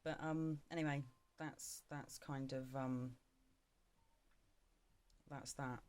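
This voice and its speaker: A woman in her thirties recording a frank personal video diary, tired and drained, talking in a halting way with many pauses. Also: very deep voice, steady tone, darkish tone, clean tone. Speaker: vlogger.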